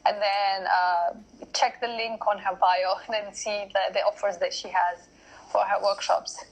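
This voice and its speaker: Over an online live video call, a woman with a mid-range voice hosts a casual interview, chatting, laughing readily and repeating directions for viewers. Her delivery is flat and a little slow, and the recording sounds rough.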